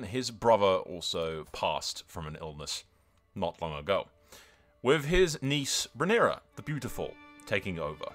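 A man with a lowish, fairly bright voice makes let's play videos, swearing casually as he comments. He frames events in over-the-top announcer phrasing and keeps repeating lines to drive them home.

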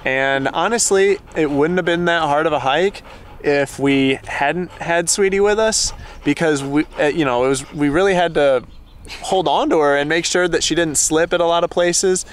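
A man's voice: fairly high pitch, normal speed, a little hiss or hum. A young man vlogging outdoors to a handheld camera at arm's length, chatting easily with small laughs and sounding tired after a hike. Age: young adult. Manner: easygoing, chatty, laughs between phrases. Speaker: travel vlogger. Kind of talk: casual vlog talk to camera. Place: outdoors, desert trail and trailhead parking lot.

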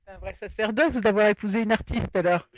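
A podcast interviewer keeps the talk moving with curious, prompting questions and short acknowledgements. The voice sits in a middling pitch. The delivery stays engaged and conversational. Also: steady tone, quick pace, noisy background.

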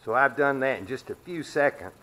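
A man's voice: mid-range voice, animated, brisk, fairly bright tone. Folksy man explaining his sawmill. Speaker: sawmill owner. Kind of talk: hands-on demonstration. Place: open metal sawmill shed.

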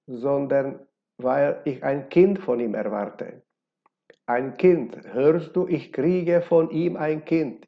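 A man's voice: mid-range voice, vocal fry. A man voicing a passionate, defiant young unmarried woman in a read-aloud novel, speaking in a heated, accusing way. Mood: pleading. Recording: dull lo-fi recording.

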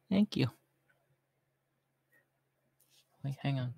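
A man in an ASMR role-play, voicing a shy, homeless young cat-boy who is gentle, hopeful, hesitant and softly polite. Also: mid-range voice, animated, slow pace, vocal fry, breathy edge, exaggerated voice. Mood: shy, grateful.

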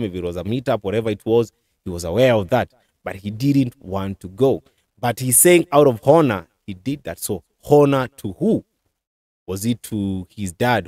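A commentary channel host in his thirties speaks casually into a desk mic on a stand, with lots of fillers and restarts. His voice is lowish and a little mellow, recorded with no room sound in a small indoor studio with a curtain backdrop.

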